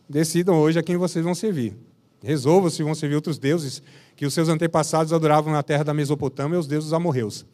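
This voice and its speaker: A man's voice: on the high side, a little mellow. A man, preaching a sermon as pastor, with impassioned declarations and folksy, humorous storytelling.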